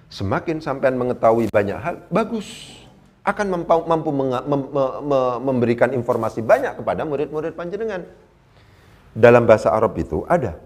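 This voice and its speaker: Animated man teaching Arabic grammar. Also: fairly high pitch. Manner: animated, asks the audience rhetorical questions, recites Quran verses slowly. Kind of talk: classroom lecture on Arabic grammar.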